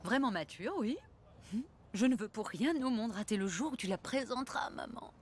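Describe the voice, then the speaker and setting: A woman's voice: a little high, lively intonation, moderate pace, slight background noise, natural voice. A woman playing a wry, teasing sister. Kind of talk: dubbed film acting.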